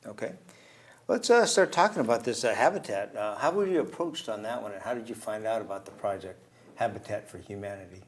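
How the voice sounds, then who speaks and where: A man hosting a community TV interview, asking his guests friendly, brisk questions. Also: on the low side, lively intonation. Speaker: host.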